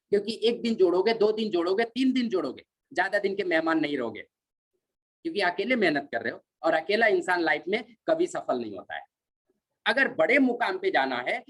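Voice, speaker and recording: Man, motivational trainer, emphatic, repeats himself, animated pitch, mixes in English phrases. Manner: emphatic, repeats each point several times; mixes short English phrases into his talk. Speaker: network marketing trainer.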